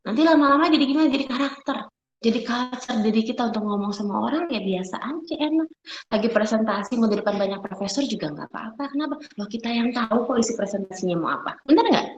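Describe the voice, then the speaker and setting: A middle-aged woman lectures on public speaking. Her talk is lively and animated, full of rhetorical questions aimed at her audience. The recording is roomy and somewhat muffled, as if captured in a hall. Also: fairly high pitch, quick pace, a little hiss or hum.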